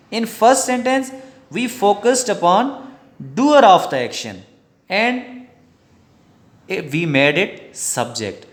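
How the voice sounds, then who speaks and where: A man with a Pakistani English accent giving a recorded grammar lecture, repeating each key sentence twice. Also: sits high.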